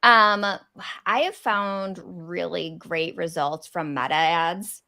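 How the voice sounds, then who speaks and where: A woman with a lower pitch and a bright, forceful tone, answering as a guest over a video call. She explains things in a friendly way, with light laughs between her points. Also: steady tone, slow, creaky. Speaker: marketing consultant guest. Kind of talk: interview answers.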